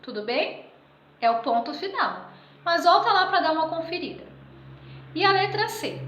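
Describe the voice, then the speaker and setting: A woman teaching a remote school lesson, patiently checking in with her pupils and reading example sentences aloud with lively expression. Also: high-pitched, echoey room, low-quality recording. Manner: patient, checks in often with "tudo bem?". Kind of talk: remote school lesson going through exercises.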